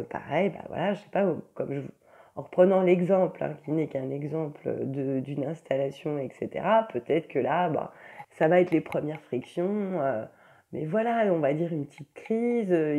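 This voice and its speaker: A woman's voice: low-pitched, warm tone, slightly rough, muffled recording. A woman giving a chatty tarot reading to her viewers, full of fillers and asides. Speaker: tarot reader. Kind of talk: casual tarot reading to camera.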